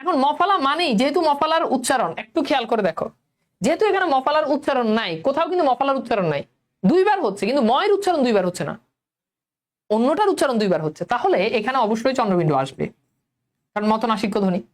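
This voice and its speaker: Leading an online lesson, a young woman teacher speaks with a colloquial Bangladeshi Bengali accent in a slightly high, very animated voice. She coaxes her students along, quizzes them often, and repeats key words slowly.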